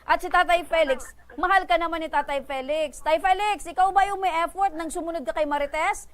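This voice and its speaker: A woman with a high voice hosts a call-in program on the radio. She mediates between the callers, pressing them with brisk, probing questions and teasing them along the way. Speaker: host.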